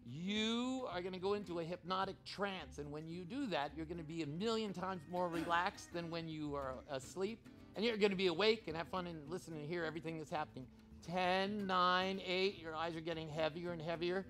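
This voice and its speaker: A man working as a stage hypnotist in a live show, giving deliberate, commanding countdowns and repeated suggestions. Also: sits high, faint music behind. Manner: shouts excited commands to start the action.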